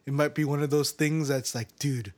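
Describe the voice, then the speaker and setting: A man with a fairly high, steady voice speaks at normal speed as co-host of a casual chat podcast. He rambles and laughs often between words, and it's recorded on a cheap makeshift mic.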